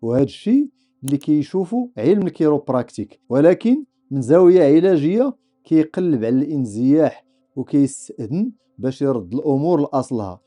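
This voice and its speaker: A man's voice: on the high side, animated, quick pace, warm tone. A man with a Moroccan accent giving reflective, rhetorical scripted narration for a podcast. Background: faint music.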